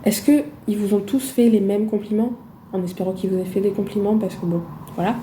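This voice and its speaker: Loud-talking woman vlogging into her phone, super dark mellow voice, lots of ums. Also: mid-range voice, fairly even intonation, brisk, slight background noise. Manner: loud-spoken; emphatic rhetorical questions, frequent hesitations. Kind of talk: casual monologue to camera. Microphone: phone camera.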